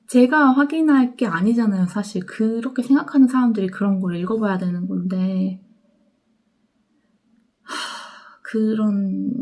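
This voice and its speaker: A young woman with a Gwangju accent talking about books in a reflective vlog. She speaks earnestly and haltingly, and her sentences often trail off into soft, whispered endings. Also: mid-range voice. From Korea. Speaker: book vlogger. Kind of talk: personal reflective talk.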